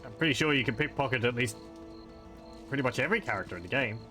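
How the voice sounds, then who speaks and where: A man's voice: medium pitch, expressive, fast, bright, forceful tone, soft background music. A man casually commenting on a game he is playing, offhand and musing. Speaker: let's-play commentator.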